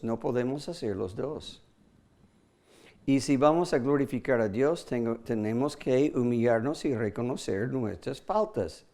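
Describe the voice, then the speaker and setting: A man preaching a sermon, emphatic, with sudden jumps in pitch and hesitant fillers, acting out short quoted apologies. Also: darkish tone.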